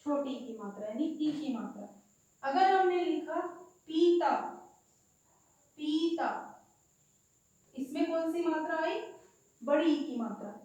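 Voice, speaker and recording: A woman teacher giving a patient lesson, slowly explaining and repeating example words aloud. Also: high voice, lively intonation, a little mellow. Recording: very echoey room.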